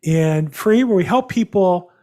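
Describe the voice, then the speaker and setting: A man's voice: high-pitched, animated, measured pace, dark tone. A man hosting a live real estate seminar over a video call, chatty and rambling with many fillers. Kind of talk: live webinar presentation.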